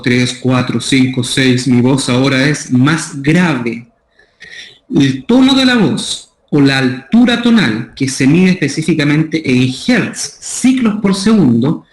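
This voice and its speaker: A man with a Chilean Spanish accent giving a methodical, explanatory lecture on voice care, repeating his key terms. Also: high voice. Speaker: voice care workshop instructor. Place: school room. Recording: echoey room.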